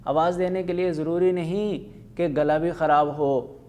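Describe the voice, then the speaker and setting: A man's voice: on the high side, fairly even intonation, darkish tone, natural voice. A man reading the part of a sick, weary husband in a classroom play, speaking in a weak, groaning, irritable way.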